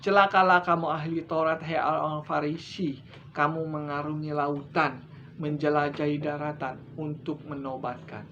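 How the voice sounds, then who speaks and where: A middle-aged male evangelist delivering a sermon, pushing his voice up loud for emphasis and then sinking to low, hushed endings. The recording sounds a little dull and lo-fi, with a faint hiss behind him. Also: flat delivery, moderate pace. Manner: emphatic, rising and dropping sharply for stress. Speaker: evangelist preacher.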